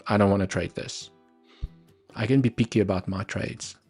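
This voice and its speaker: A man with a lowish, gravelly voice hosts a live trading stream, speaking at a normal speed in a steady tone that's a little mellow and slightly rough. He has a South African accent, Afrikaans is his first language, and he thinks aloud over the charts with muttered asides. Soft music plays in the background of this live market analysis commentary.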